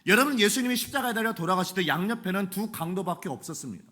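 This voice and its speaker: A male pastor preaches in a church with a high voice that swings widely. His manner is animated and chatty, full of jokes. He talks to the congregation like friends. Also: racing. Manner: animated, joking, conversational. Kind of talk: sermon. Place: church sanctuary.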